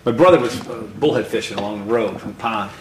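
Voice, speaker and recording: A man in his sixties telling hunting stories on a podcast, animated and acting out the voices in them. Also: lowish voice, fast. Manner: animated storyteller who acts out voices. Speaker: hunting guide guest. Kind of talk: podcast storytelling. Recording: roomy room with faint noise.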